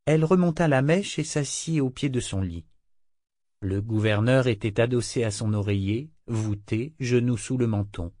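Male audiobook narrator with a mid-pitched voice and an even, measured read, recorded close and dry. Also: dry recording. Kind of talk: scripted narration.

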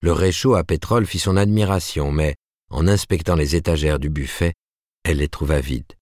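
A man reads a novel aloud with a very deep, low voice. His delivery is measured and steady, recorded close and dry with no room sound. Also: no echo. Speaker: audiobook narrator. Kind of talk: scripted narration.

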